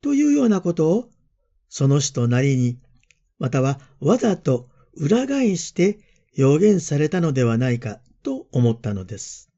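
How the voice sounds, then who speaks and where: Calm, mellow Japanese priest giving a homily. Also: male voice, on the high side. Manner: calm, reflective, measured delivery. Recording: dull lo-fi voice message.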